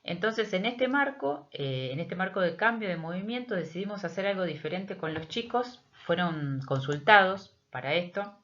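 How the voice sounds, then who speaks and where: A middle-aged Argentine teacher presents a project in a measured, hesitant way despite preparation, stopping frequently. Her voice is on the low side, animated and fairly bright. The recording is dull lo-fi audio.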